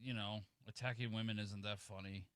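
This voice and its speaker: A man's voice: on the low side, steady tone, brisk, dry recording, clean studio sound. A man co-hosting a live radio show, joking, mocking the others and laughing a lot. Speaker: radio co-host. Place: radio studio.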